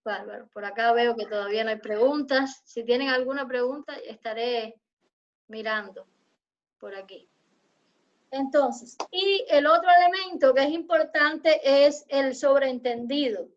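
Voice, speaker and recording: A woman lecturer giving an online university class, explaining in a measured way and addressing her students formally. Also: sits high, dull audio. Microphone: video call.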